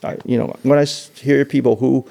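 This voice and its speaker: In an oral history interview, an older Hong Kong man speaks haltingly, often repeating words and laughing. His mid-range voice is level, creaky, and warm.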